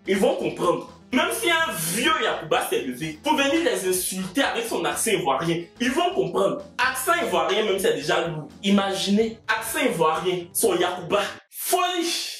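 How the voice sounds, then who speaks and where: A woman's voice: medium pitch, expressive, normal speed, hardly any pauses, fairly bright tone. Sex: woman. Style: heated mocking reaction rant. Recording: echoey room, faint music. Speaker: vlogger.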